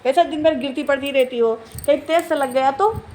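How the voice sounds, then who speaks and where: High-voiced young mother teasing her toddler. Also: fairly quick, a little mellow, a little hiss or hum. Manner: playful teasing, sing-song rhymes. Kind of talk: casual talk with her toddler. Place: home.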